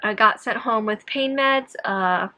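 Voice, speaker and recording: A woman's voice: on the high side, measured pace, sharp tone, slight background noise. A young woman vlogging casually in a scattered, self-interrupting way, with a sore throat after tonsil surgery that makes some words hard to pronounce. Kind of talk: casual personal vlog, chatty recounting.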